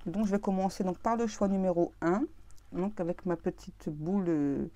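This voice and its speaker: A woman tarot reader talking gently, with a mellow, darker tone and a somewhat low voice. She hesitates a lot, full of fillers and restarts. The sound is dry and close. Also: moderate pace, no echo. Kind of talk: casual tarot reading monologue.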